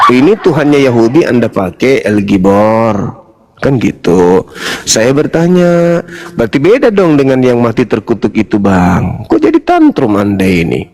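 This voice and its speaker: A man's voice: mid-range voice, vocal fry, a little mellow. A man hosting a live debate stream, teasing his caller, often laughing and pressing the same question again and again.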